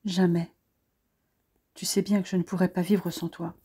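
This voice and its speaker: A woman voicing a loving young French woman, gentle and affectionate. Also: fairly low pitch, level tone, normal speed, husky.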